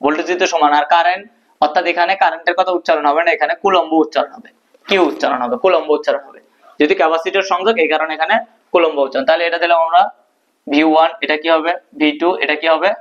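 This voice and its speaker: A man's voice: on the high side, fairly even intonation, racing, fairly bright tone. A male teacher explaining a physics proof at a board, asking questions and answering them himself. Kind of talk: physics lesson at a whiteboard. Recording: dull lo-fi recording.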